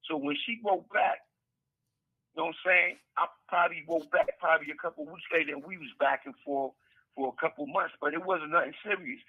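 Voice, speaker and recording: A man's voice: on the high side, expressive, brisk, gravelly, breathy edge, no room sound. A middle-aged man, an interview guest and author, talking over a prison phone call in a loose, rambling way, repeating words and using street slang. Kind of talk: casual storytelling interview. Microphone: prison telephone handset. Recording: tinny prison phone line.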